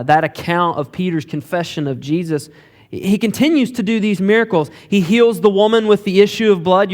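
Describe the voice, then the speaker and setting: A male pastor preaching a sermon, retelling scripture stories and asking the congregation rhetorical questions, voicing quoted lines in a lower, quieter tone. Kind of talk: expository sermon.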